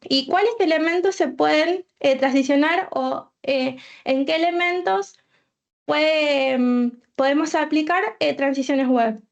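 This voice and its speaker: A woman's voice: high voice, a little slow, vocal fry, highs cut off. A woman from Argentina with an Argentine Spanish accent, a full stack developer giving a tech talk, hesitant and full of filler sounds.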